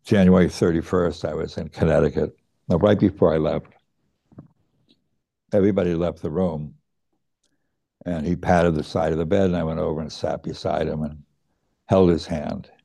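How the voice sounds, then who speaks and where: Deep, gravelly man telling a personal story. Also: steady tone, mellow. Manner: slow, reflective, with hesitant pauses and restarts. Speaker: student recounting his teacher's death.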